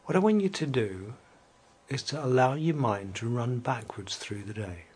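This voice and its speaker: A man guides an evening relaxation, speaking slowly and soothingly and sometimes dropping to a soft whisper. His mid-range voice is animated, with a breathy edge.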